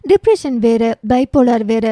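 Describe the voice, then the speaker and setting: A woman's voice: fairly high pitch, animated, normal speed, mellow, no room sound, clean studio sound, natural voice. A woman voicing a caring adult woman who speaks in a practical, urgent way. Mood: anxious.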